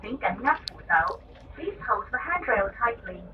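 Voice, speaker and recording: A woman's pre-recorded train announcement plays over the carriage loudspeaker, formal and evenly measured. Her fairly high voice rises and falls a lot, but it reaches the mic from a distance. The sound is echoey and dull, with clear train noise underneath. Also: very animated. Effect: onboard train loudspeaker announcement. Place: inside a light rail train. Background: train running noise.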